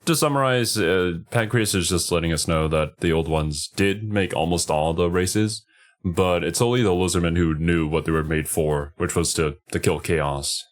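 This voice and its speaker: Really low voiced guy doing reaction commentary, casual, kinda thinking out loud. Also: moderate pace. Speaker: streamer reacting to a video.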